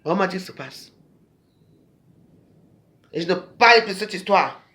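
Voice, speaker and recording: A woman hosting a live stream, delivering a repetitive, preachy rant to her viewers that swings between low murmurs and loud, high outbursts. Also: expressive, unhurried.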